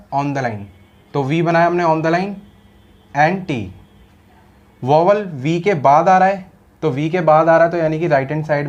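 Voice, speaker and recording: Male shorthand teacher, step-by-step lesson, rhetorical checks, muffled low-fidelity audio. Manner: explains step by step with rhetorical questions; mixes Hindi with English terms. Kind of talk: classroom-style lesson explanation.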